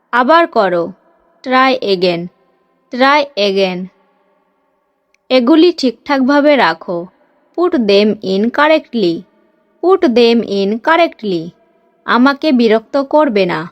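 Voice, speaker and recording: Slow, lively woman drilling phrases. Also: on the high side, dry recording. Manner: reads each Bengali phrase briskly, then says the English slowly twice. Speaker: English teacher.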